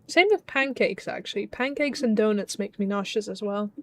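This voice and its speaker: A young woman from the Netherlands, mid-range in voice with a fairly bright tone, talks at a normal speed in a dry recording. She's playing and chatting with her stream, reading comments aloud, her Dutch accent tinged with British and Scottish notes, with frequent ums and restarts.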